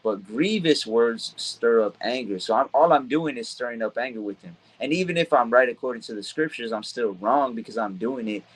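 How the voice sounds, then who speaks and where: A man's voice: mid-range voice, rough recording. A man hosting a casual religious discussion, teaching from scripture and often checking in with his listener. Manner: reads scripture aloud slowly. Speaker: podcast host leading a scripture study.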